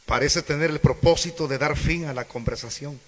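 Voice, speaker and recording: A man's voice: on the high side, moderate pace, slight background noise. A man preaching a sermon, questioning the congregation and acting out quoted voices. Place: church hall. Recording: echoey church hall.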